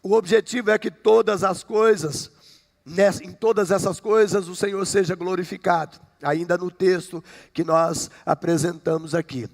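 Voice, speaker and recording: A man's voice: high-pitched, fairly even intonation, normal speed, creaky. A man in his fifties from Brazil, a pastor preaching a conversational sermon to his congregation, often checking in with "né?". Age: 50s. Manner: conversational preaching with frequent "né?" and jokes. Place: church sanctuary. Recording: long hall reverb.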